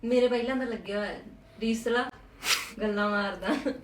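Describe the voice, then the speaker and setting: A woman's voice: on the high side, moderate pace. A woman in her twenties with an Indian Punjabi accent, bickering casually with sassy retorts. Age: 20s.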